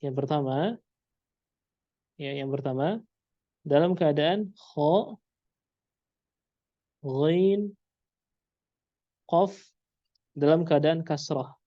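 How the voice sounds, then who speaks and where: A man teaching pronunciation, repeating each sound slowly to demonstrate it, in a muffled lo-fi recording. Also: a little high, no echo. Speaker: Quran recitation teacher. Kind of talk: pronunciation lesson.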